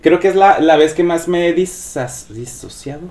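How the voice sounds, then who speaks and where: A man's voice: fairly high pitch, moderate pace. A man telling gossip in a casual chat, acting out the quoted voices. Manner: animated storyteller, acts out quoted voices. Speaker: podcast co-host telling gossip.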